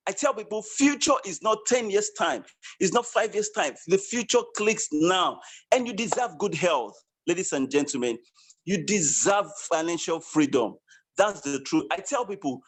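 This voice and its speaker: High-voiced man giving a motivational pitch. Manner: emphatic, repetitive, preachy. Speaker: presenter at an online business launch.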